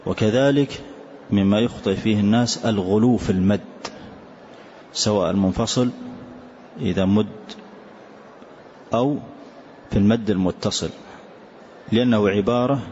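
A man teaching a tajweed lesson, explaining slowly and reciting short words to demonstrate pronunciation. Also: fairly low pitch, darkish tone. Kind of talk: classroom lesson on tajweed rules. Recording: dull lo-fi lecture recording with faint hiss.

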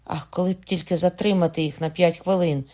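A man's voice: a little high, fairly even intonation, fairly quick, a little mellow, pitched above the performer's own voice, lightly acted. A man voicing a devoted young nobleman in an audiobook reading, urgent and pressing.

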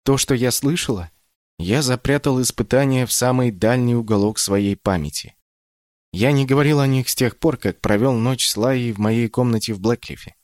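A man narrating an audiobook in the first person, in a measured, reflective way. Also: medium pitch, darkish tone, no echo, clean studio sound.

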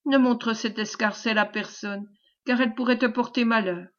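A woman reading the part of a mysterious fairy with a soft, sad voice in a storybook reading. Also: fairly even intonation, moderate pace, highs cut off, natural voice. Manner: soft, sad voice, sometimes made deeper.

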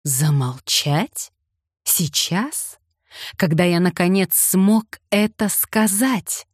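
A woman voicing a bitter, mocking young male aristocrat who speaks in hoarse, sarcastic outbursts. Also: fairly low pitch, lively intonation, extremely slow, dry recording, clean studio sound, heavily acted.

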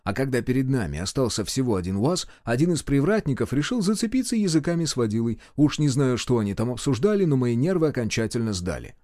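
A man narrating a first-person audiobook in a brisk, wry storytelling manner. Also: mid-range voice, sing-song, mellow, no echo, studio quality.

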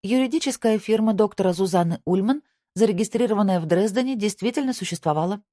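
A woman's voice: mid-range voice, quick pace, mellow, no echo, studio quality, pitched above the performer's own voice, close to an everyday voice. A woman voicing a diligent young female analyst who precisely reads out facts from records. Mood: matter-of-fact.

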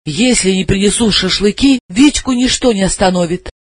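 A jittery, frightened woman blurts out her lines in a raised, tense voice, as a man reading a story puts her on. Her words come out in sharp exclamations with a breathy edge. It sounds dry and close. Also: normal speed, no echo. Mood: frightened thoughts. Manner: high-pitched, tense, exclaiming. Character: frightened nervous woman hiding a secret. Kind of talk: audiobook character voice.

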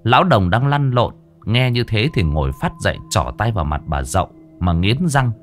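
A man's voice: lowish voice, sing-song, moderate pace, faint music behind. A man narrating a ghost story in a vivid, dramatic way with crude slang.

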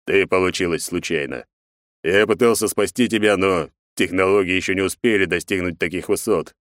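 A cold, contemptuous emperor who speaks slowly and growls his scorn, as a male narrator voices him. He is read from a storybook in a dry, close recording. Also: low voice, a bit bright, no echo.

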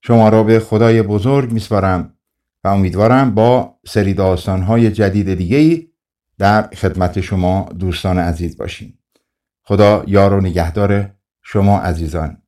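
Man, low voice, audiobook narrator, calm friendly storytelling.

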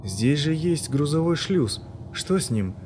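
A man's voice: a little high, lively intonation, a little slow, voice pushed up. A man voicing a nervous station crewman who speaks anxiously and calls out in alarm. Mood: uneasy.

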